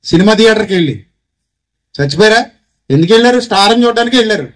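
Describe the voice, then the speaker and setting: A male pastor with a Telugu accent delivers an exhorting sermon in a high voice. He fires rhetorical questions at his listeners and leads them in repeated call-and-response lines. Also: lively intonation, fast talker. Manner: exhorting, calls congregation to repeat phrases. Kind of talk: Christmas sermon.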